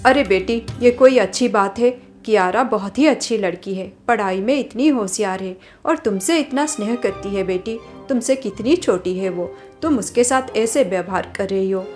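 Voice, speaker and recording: A woman voicing a kind middle-aged mother who gently chides her daughter, in a storybook drama. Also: on the high side, animated, moderate pace, soft background music, natural voice. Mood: gently chiding. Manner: soothing, mildly chiding.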